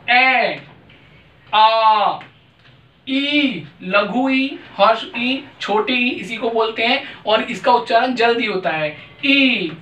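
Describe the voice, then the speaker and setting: A man's voice: very high-pitched, a bit bright. Man teaching in an echoey room. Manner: deliberate, spells out each sound and repeats it for practice. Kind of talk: grammar lesson to camera. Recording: echoey room, mic at a distance.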